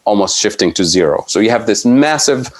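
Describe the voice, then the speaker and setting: A man's voice: on the low side, lively intonation, brisk. A middle-aged man from Tunisia, an economics professor talking as a podcast guest, explaining policy thoughtfully with frequent restarts and fillers. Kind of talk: conversational podcast interview.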